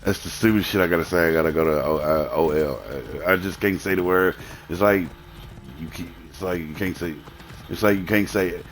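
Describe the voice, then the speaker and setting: A man's voice: sits low, steady tone, brisk. A man ranting heatedly on a live stream, swearing often and repeating his points. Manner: heated, profane, repetitive ranting.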